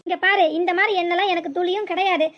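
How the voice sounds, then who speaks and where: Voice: very high-pitched, fairly even intonation, quick pace, fairly bright tone. A performer voicing a blunt, exasperated village husband in a cartoon, with a southern Tamil Nadu accent and a scolding, lecturing manner. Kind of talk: cartoon voice acting.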